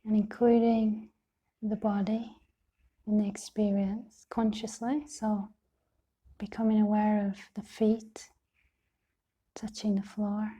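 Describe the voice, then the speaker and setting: A meditation teacher's voice, mid-range and showing little pitch movement, comes out soft, breathy and half-whispered. She leads the guided meditation gently and calmly, in short phrases with long gaps between.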